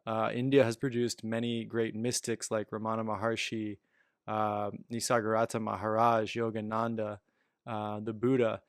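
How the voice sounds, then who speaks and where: A man's voice: on the low side, level tone, moderate pace, no room sound, clean studio sound. A man giving a casual, reflective spiritual talk as a meditation teacher, filling his sentences with "you know" and "um.".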